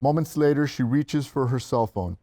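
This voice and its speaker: At a table read, a man narrates the script's stage directions at normal speed, his voice mid-range in pitch and warm in tone. The recording is dry and close.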